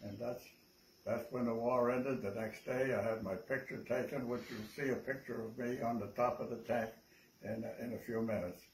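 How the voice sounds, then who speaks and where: An elderly American man, an old veteran remembering his service in a plain, halting way. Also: medium pitch, steady tone, slight background noise, low-quality recording. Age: 80s or older. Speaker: World War II veteran. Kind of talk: personal reminiscence.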